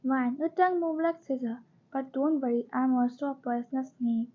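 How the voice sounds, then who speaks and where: A haughty young mafia queen, bossy and arrogant, who makes threats, as a woman reads her. The voice sits high for a woman. The storybook audio is dull and lo-fi. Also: fairly even intonation, normal speed. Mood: threatening.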